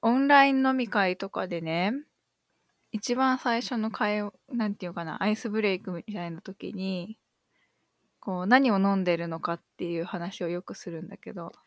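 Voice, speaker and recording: A woman on a relaxed podcast, thinking aloud as she guesses and nodding along with quick affirmations. Her voice sits at a middle pitch. The recording is close and dry. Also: no echo. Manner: agreeable, thinking aloud, many short affirmations. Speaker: podcast co-host answering quiz. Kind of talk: casual podcast chat.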